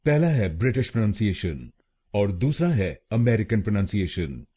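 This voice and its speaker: A man's voice: fairly low pitch, very animated, normal speed, warm tone, husky. A man from India narrating a scripted pronunciation tutorial, breaking words into syllables and repeating each one. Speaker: pronunciation teacher.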